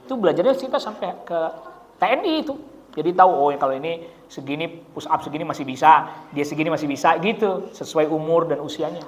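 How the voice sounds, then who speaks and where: A male preacher giving a casual religious study talk in a mosque, lively and colloquial, acting out the people he describes. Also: on the high side, a little hiss or hum. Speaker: Islamic preacher.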